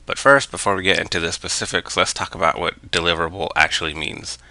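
Low, flat-voiced man explaining steadily. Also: fast talker, dry recording. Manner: steady, with frequent "um" fillers. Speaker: business analysis educator. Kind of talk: whiteboard explainer narration.

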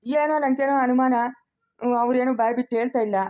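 A woman acts a caring village mother in a home-made family drama, speaking. Her voice is high and quick. She soothes and gives advice. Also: steady tone, a little mellow, dull audio, close to an everyday voice. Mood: puzzled. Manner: soothing, advising.

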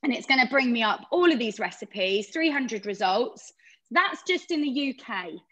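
A woman's voice: on the high side, animated, normal speed, a bit bright, low-quality recording. Chatty woman demonstrating cooking. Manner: chatty, explains step by step. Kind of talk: live cooking demo over a video call.

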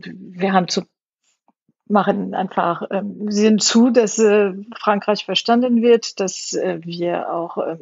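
A woman's voice: lowish voice, gravelly, darkish tone, slightly rough, no room sound, muffled recording. A middle-aged woman from France with a French accent, a games industry guest in an interview, speaking hesitantly with many fillers.

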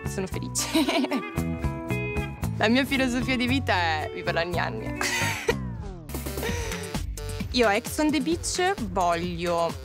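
A young woman in her twenties chats in a playful, giggly way, her voice sitting high. She talks unhurriedly, and music plays behind her. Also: very animated, slow, long pauses. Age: 20s. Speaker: reality show contestant. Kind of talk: reality TV confessional and chat. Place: outdoors by a pool, then a city square.

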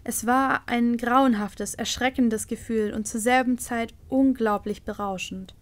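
A woman narrating a storybook chapter aloud as an audiobook reader, telling it calmly and expressively. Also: a little high, a little slow.

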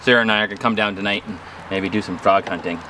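Upbeat bright-voiced man vlogging outdoors. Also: lowish voice, fairly even intonation, racing, a little hiss or hum. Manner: upbeat, enthusiastic. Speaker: vlog host. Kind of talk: casual family vlog. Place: outdoors on a lakeside dock.

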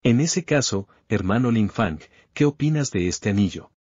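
A man's voice: fairly low pitch, lively intonation, normal speed, darkish tone, breathy edge, dry recording. Man voicing a slyly chuckling scheming cultivator. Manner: friendly on the surface, chuckling slyly. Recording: slightly dull lo-fi recording.

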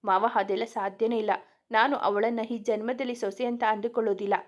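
A haughty, wealthy mother of the house, played by a woman with a slightly high voice. She talks down to everyone in a sharp, dismissive scolding tone, as in a spoken storybook. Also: fairly even intonation, fairly quick, close to an everyday voice. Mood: scornful. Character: stern rich middle-aged mother.

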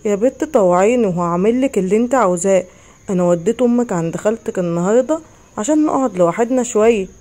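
A woman's voice: mid-range voice, lively intonation, quick pace, warm tone, pitched below the performer's own voice, lightly acted. A woman voicing a predatory middle-aged stepfather with an Egyptian accent, speaking slyly and threateningly. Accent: Egyptian Arabic. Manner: sly, threatening.

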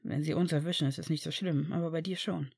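A tense young student speaking low and quietly, as if keeping out of sight, voiced by a woman reading aloud. The audiobook telling stays plain and close. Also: a little fast, no room sound, close to an everyday voice. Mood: hushed.

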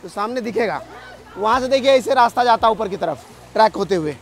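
A man with a notably high voice talks viewers through a waterfall trip, filmed by a companion as he walks a forest path. His delivery is lively and direct, and he chats with passers-by along the way. Faint music sits underneath. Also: fairly quick. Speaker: travel vlogger. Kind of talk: on-location travel vlog commentary. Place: outdoors on a forest trail by a waterfall. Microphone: camera filmed by a companion while walking.

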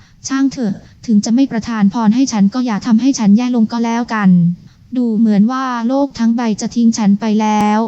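Woman reading a grumbling superstitious older mother, audiobook voice, slow scolding delivery, higher pitch, dark mellow tone, dull lo-fi sound. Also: fairly even intonation, no echo, lightly acted. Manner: scolding, complaining, slow and insistent. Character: quarrelsome superstitious older mother, petty and loud. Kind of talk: audiobook character voice. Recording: dull lo-fi recording.

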